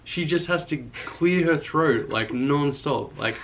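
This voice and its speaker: A young man co-hosting a casual question-and-answer chat with his wife, relaxed and easygoing, his speech halting with fillers. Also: a little high. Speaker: co-host of a couple's channel.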